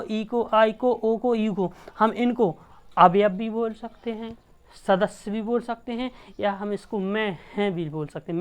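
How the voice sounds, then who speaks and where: A woman's voice: medium pitch, smooth. A woman from India teaching a math class, explaining patiently and repeating each point with check-ins to the students.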